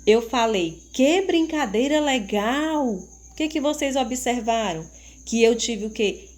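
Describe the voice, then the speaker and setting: Expressive Brazilian woman teaching small children. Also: on the high side. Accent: Brazilian Portuguese. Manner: slow, expressive, questioning teacher talk with rhetorical questions. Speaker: primary school teacher. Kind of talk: recorded remote lesson for young children.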